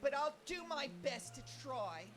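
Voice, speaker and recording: A woman's voice: sits high, sing-song, measured pace, fairly bright tone, full character voice. A woman voicing a small, earnest young female would-be inspector in a theatrical fan dub of game dialogue, with game music behind. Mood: tearful. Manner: theatrical, dramatic sighs and sobs. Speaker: fan voice actor.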